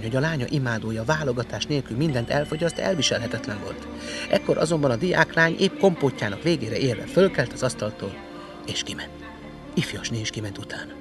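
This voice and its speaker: A man reading a story aloud in a dramatic, theatrical way, dropping to whispers and rising to outbursts. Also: mid-range voice. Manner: theatrical, shifts between whispers and loud outbursts. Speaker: narrator.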